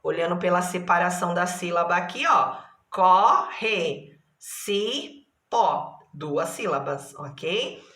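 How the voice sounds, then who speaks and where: A woman's voice: fairly low pitch, lively intonation, sharp tone, roomy sound. A Brazilian woman teacher giving a primary school lesson, patient, stretching out syllables and checking in often. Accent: Brazilian Portuguese. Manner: patient, slow, drawn-out syllables with frequent checks.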